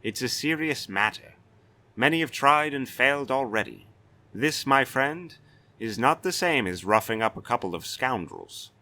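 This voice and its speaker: Voicing a fantasy city's blustering, sardonic castellan for an audiobook, this man pitches above his natural voice into a bright, forceful mid-range with lively intonation at normal speed. The character is weary-wry and authoritative, and the mood is stern.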